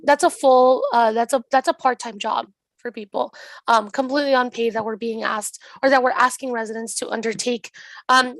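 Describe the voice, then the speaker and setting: A woman in her twenties with an American accent and a hoarse voice, explaining an issue at a public meeting over a video call. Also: on the high side, dry recording. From Southeast Los Angeles, United States. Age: 20s. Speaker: mayor presenting at a public meeting.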